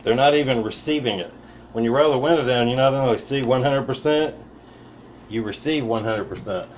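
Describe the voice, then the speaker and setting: A man giving a live spiritual talk in an auditorium. He speaks bluntly, swears freely, builds to loud emphatic peaks and then drops back down low. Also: brisk, reverberant, a little hiss or hum, poor audio. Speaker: spiritual teacher. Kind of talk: live motivational talk to an audience.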